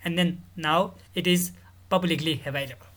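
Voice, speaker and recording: A man's voice: a little high, steady tone, fairly bright tone. Earnest man. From Nepal. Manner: earnest, measured explaining. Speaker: guest, mental health director. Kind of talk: podcast interview.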